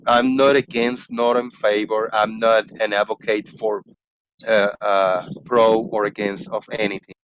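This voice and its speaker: A Puerto Rican man in his forties, a native Spanish speaker, rambles through a casual livestream chat in a lowish voice with a Puerto Rican accent. He laughs, swears freely, and clears a slight frog in his throat against a noisy background.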